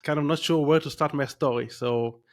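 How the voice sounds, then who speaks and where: A podcast guest in his thirties, speaking with an Israeli accent, rambles through his story in a casual interview, with many restarts and fillers. His voice is a little high, with fairly even intonation and a normal pace.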